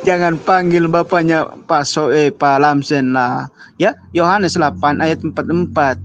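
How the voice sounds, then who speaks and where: Male debater, high voice, slow and mocking, dry close sound. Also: no echo. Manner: mocking, taunting, laughing at opponent. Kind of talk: online religious debate.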